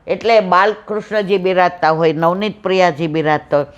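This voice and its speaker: A woman's voice: fairly low pitch, a little fast. A woman from Saurashtra with a Saurashtra Gujarati accent, giving a devotional satsang talk at home and acting out the dialogue of her stories with affection. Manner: animated storyteller, acts out dialogue, affectionate devotional tone. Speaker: satsang speaker. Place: home room with visiting devotees. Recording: dull lo-fi recording.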